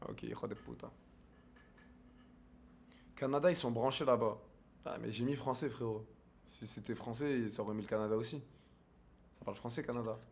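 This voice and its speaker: A man's voice: mid-range voice, normal speed, gravelly, pauses often. A man with a French accent streaming casually, crude and joking, mixing in English and Spanish. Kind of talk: casual live-stream chat.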